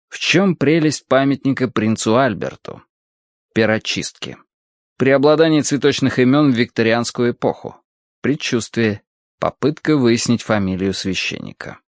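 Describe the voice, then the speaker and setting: A man narrating an audiobook in a measured, expressive first-person reading. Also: mid-range voice, dry recording, studio quality. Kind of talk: scripted narration.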